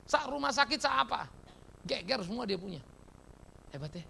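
A man preaching a sermon as a pastor, animated, throwing out rhetorical questions and slangy asides. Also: very high voice, moderate pace, creaky, a little hiss or hum.

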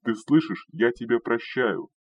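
A man voicing a shaken young male lord who shouts urgently, recorded distant and dull. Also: sits low, normal speed, breathy edge, no echo. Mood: frantic shouting.

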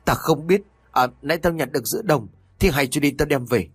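A man voicing a guilty, cowardly old village man who begs and pleads in a high, panicky voice. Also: moderate pace, husky, no room sound, natural voice. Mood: defensive. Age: older.

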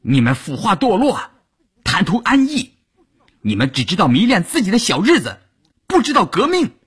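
A man voicing an indignant middle-aged woman cadre who shouts shrill accusations, husky and high. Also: wildly swooping pitch, normal speed, heavily acted. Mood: screaming.

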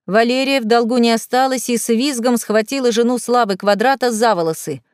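A woman narrating an audiobook chapter in a lively, expressive reading. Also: on the high side, a little fast, clean tone, no room sound. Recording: dry close studio sound.

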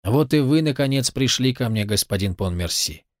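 A man reading the lines of a gentle, self-effacing old man in a storybook, low and subdued. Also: expressive, moderate pace, dry recording, clean studio sound, natural voice. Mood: quiet, humble.

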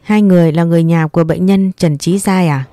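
A woman's voice: on the low side, fairly even intonation, fairly quick, warm tone, dry recording, clean studio sound, lightly acted. A woman voicing a hospital doctor in a spoken story, talking in a grave, formal way. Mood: solemn.

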